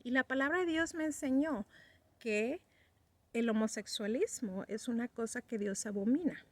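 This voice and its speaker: A woman's voice: a little high, normal speed, dry recording. A woman in her fifties giving an earnest personal religious testimony, acting out remembered conversations as she tells them. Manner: earnest, acts out remembered dialogue.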